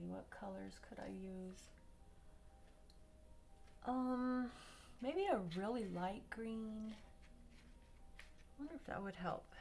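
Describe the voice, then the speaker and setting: A woman talks through a pencil-coloring demo in a relaxed, thinking-aloud way, her voice sitting at an ordinary middle pitch. Now and then she slips down to a soft near-whisper as she works. Faint noise hangs behind her. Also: creaky. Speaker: craft tutorial host. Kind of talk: casual demo narration while coloring.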